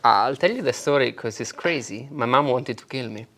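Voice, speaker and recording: A man in his thirties from Italy with an Italian accent, a guest telling his story in a lively, animated way in a casual interview. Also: mid-range voice, normal speed. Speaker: guest, marketing agency founder.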